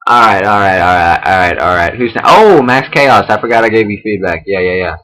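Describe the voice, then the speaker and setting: A man's voice: fairly low pitch, expressive, brisk, fairly bright tone, rough recording. A young man giving casual spoken feedback, rambling and profane with many restarts. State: out of breath. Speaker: online wrestling roleplay host giving feedback.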